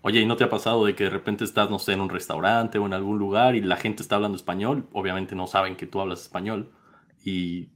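A man with a fairly low voice hosts a casual chat. He asks long, rambling questions, with plenty of asides along the way. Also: steady tone, quick pace. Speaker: podcast host.

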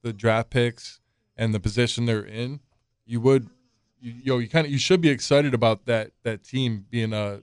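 A man's voice: medium pitch, moderate pace, clear, resonant tone, no room sound. A man co-hosting a casual sports podcast, talking through picks with lots of "you know" and restarts. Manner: hesitant, lots of fillers and restarts. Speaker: podcast co-host.

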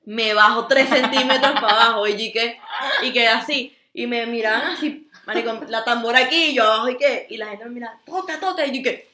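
A young Venezuelan woman chatting on her podcast with a bright, somewhat high voice. She tells stories animatedly and laughs often, and the room around her sounds echoey. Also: fairly even intonation, fast. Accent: Venezuelan Spanish. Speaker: podcast co-host. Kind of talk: casual chat. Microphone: mic with garlands.

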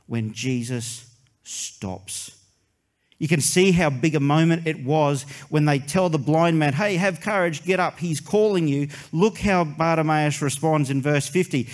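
A man, a pastor preaching a sermon in an earnest way, with long pauses and soft dramatic drops. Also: on the high side.

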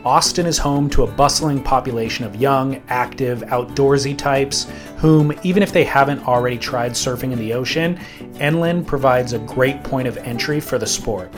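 A man's voice: mid-range voice, moderate pace. A man delivering scripted narration as the host of a feature. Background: plucked guitar music.

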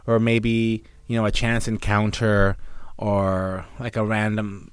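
Man, forties, slightly low voice, dry close sound, rambling podcast talk, swears a lot. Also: completely flat delivery, slow, smooth, no room sound. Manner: swearing, rambling, many fillers and restarts. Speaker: podcast co-host. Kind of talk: casual chat.

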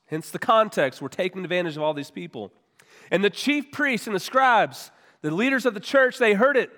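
Pastor preaching in a reverberant hall. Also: male voice, high voice, a bit bright. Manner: earnest, conversational preaching with repeats and restarts. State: weak, worn voice after weeks of voice loss. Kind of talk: sermon. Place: church sanctuary.

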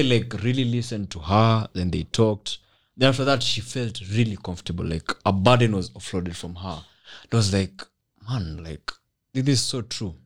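A young Kenyan man with a fairly low voice hosts a casual podcast. His talk is animated and slangy, full of street expressions and little checking tags. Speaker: podcast host. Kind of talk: casual chat mixed with slang.

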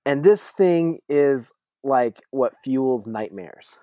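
A man co-hosting a casual podcast, talking excitedly and laughing often. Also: mid-range voice, slow, no room sound, clean studio sound. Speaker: podcast co-host. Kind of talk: casual chat.

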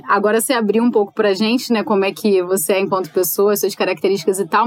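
Measured woman interviewer. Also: on the high side, dry recording. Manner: measured, keeps asking for agreement with "né". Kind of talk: interview questions.

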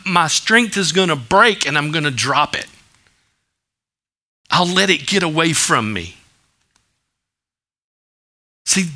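A man's voice: a little high, bright, forceful tone. A man preaching a sermon as a pastor, talking in a conversational, folksy way with homely stories and asides.

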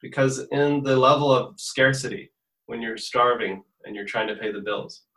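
A man's voice: mid-range voice, moderate pace, a bit bright, distant mic. A man born in the US and raised in Portugal, a musician answering interview questions earnestly and thinking aloud as he goes. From born in the US, raised in Portugal from fifteen. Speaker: musician guest. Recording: roomy echo.

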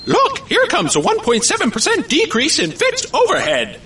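A man voicing a cheerful finger puppet that presents office figures, in a chirpy, excitable comedic ad voice. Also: very high-pitched, moderate pace, heavily acted. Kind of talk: comedic ad acting.

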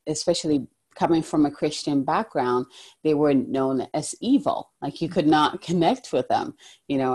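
A woman's voice: a bass voice, mellow. A woman from Ghana speaking reflectively in a casual spiritual conversation, with many fillers.

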